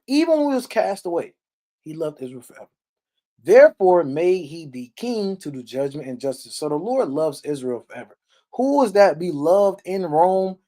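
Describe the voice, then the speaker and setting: On a live stream, a man reads along through scripture verse by verse, adding informal commentary in a slightly high, mellow voice. He's blunt and emphatic, uses salty language, and often checks in with short questions and tag phrases.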